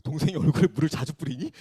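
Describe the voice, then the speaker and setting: A young man leads a youth worship gathering in a church hall, teasing the students and asking them questions one by one. His voice sits a little high and leaps around a lot as he banters. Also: a little mellow. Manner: bantering, teasing, calls on listeners by name. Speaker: youth pastor. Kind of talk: casual sermon opening with audience questions.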